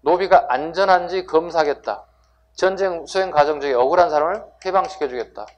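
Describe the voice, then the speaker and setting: Man, history lecturer, classroom lecture, rhetorical questions, emphatic, fairly high voice. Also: fairly quick, lo-fi sound, a little hiss or hum. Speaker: civil service exam history lecturer.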